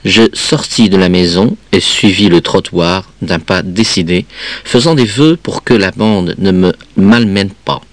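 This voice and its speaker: Low-voiced man reading a story. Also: unhurried, no room sound. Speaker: reader.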